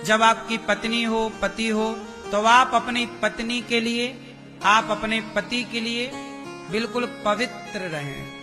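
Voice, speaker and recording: A man giving a religious discourse, slowly questioning his listeners and acting out quoted speech. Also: very high voice, over music. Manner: slow, questioning the audience, acts out quoted speech. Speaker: preacher.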